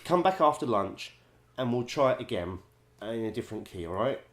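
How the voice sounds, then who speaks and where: A man, a musical director and vocal coach, telling wry stories in a chatty way, laughing often and filling pauses with ums. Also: medium pitch, expressive, fairly bright tone, reverberant. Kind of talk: casual anecdote-telling.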